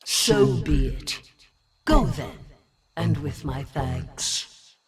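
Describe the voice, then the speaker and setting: A man voicing a huge, fierce female mother dragon, slow and menacing, as he reads a fantasy game aloud. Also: mid-range voice, sing-song, a crowd in the background. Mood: grave.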